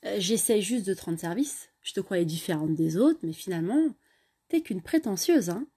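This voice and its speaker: A woman's voice: medium pitch, animated, moderate pace, mellow, breathy edge. A woman voicing a young man who is a pushy but friendly clubgoer, speaking casually and insistently.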